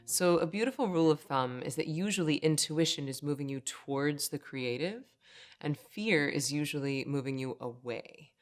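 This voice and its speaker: Low-voiced woman teaching, chatty and upbeat. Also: expressive, moderate pace. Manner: upbeat and conversational, says "right?" often. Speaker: meditation teacher. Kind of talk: direct-to-camera teaching talk.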